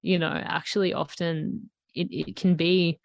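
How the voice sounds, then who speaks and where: A woman's voice: lowish voice, flat delivery, unhurried, gravelly, no echo, studio quality. A woman hosting a podcast, asking thoughtful, reflective questions with fillers like "you know". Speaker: podcast host. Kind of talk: interview questions.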